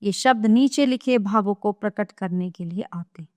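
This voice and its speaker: A woman teaching a grammar lesson to children, reading rules and example sentences in a steady, measured way. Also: medium pitch, dry recording, studio quality.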